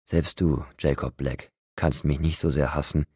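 A man voicing a guilt-ridden young male vampire who speaks quietly and in a strained, hushed way. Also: very deep voice, fairly even intonation, unhurried, husky, dry recording, clean studio sound, exaggerated voice. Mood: anguished.

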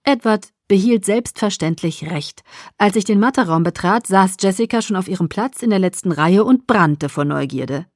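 A woman's voice: mid-range voice, lively intonation, normal speed, no echo, studio quality. Woman reading an intimate first-person novel. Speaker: audiobook reader.

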